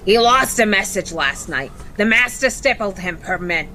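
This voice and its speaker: A woman's voice: mid-range voice, animated, normal speed, pushed and bright, a little hiss or hum, rough recording. A woman voicing a cheeky male imp messenger who talks in streetwise slang.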